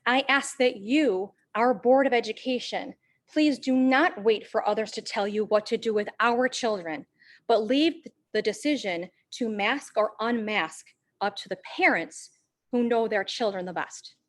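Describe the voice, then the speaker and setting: A woman with a fairly high voice reads a prepared statement at a school board meeting. She speaks as a parent and a teacher, measured in pace, and slows down to lean on the words she wants to stress. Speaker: parent and teacher at public comment. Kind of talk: prepared public comment statement.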